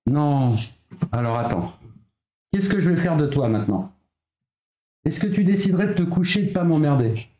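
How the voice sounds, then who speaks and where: A man's voice: on the high side, expressive, normal speed, pauses often, dark tone. Chatty French man live-streaming. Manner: chatty, thinks aloud with filler sounds. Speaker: streamer hosting a live reaction. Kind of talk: casual live-stream chat.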